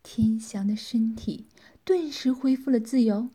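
Slow, breathy whispering female storyteller. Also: on the high side. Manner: soft hushed whisper.

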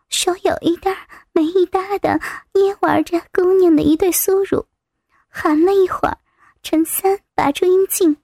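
Woman narrator, very high voice, soft breathy reading, dry close sound. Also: no echo. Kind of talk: adult story narration.

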